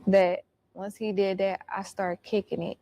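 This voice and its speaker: Slow, gravelly-voiced woman telling a story. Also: mid-range voice, little pitch movement, mellow. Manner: blunt and profane, slangy. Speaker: storyteller recounting her experience. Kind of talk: casual storytelling.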